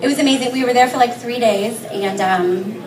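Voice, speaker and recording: A woman speaks on a bar stage in a slightly high, soft-spoken voice, caught by a distant camera. Echo fills the room and a crowd murmurs behind her. She pauses often with "um". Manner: soft-spoken, with many "um" fillers and light laughs. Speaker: guest telling her son's story. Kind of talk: on-stage interview. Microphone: handheld mic, far camera. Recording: echoey bar from far off, crowd noise. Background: crowd chatter.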